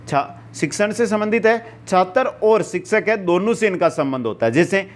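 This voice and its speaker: A male teacher with a Rajasthani Hindi accent, giving an exam-prep lecture point by point and asking the class rhetorical questions. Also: high-pitched.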